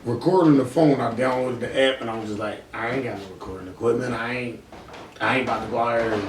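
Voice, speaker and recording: Talking fast at a medium pitch, this Philadelphia podcast host chats casually in slangy, profane language with his local accent. The recording has roomy echo, faint noise and a distant mic.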